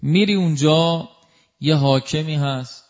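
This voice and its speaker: A man preaching a devotional sermon through a story, emotive, swinging from loud exclamations to hushed asides. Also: a little high, lo-fi sound.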